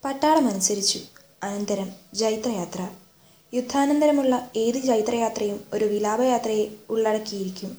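A woman reading a literary story aloud in a measured way, re-reading her slips. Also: a little high, warm tone. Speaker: story reader. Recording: echoey room.

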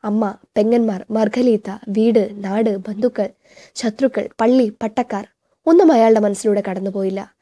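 A woman reading a novel aloud in a steady, measured narration. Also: medium pitch.

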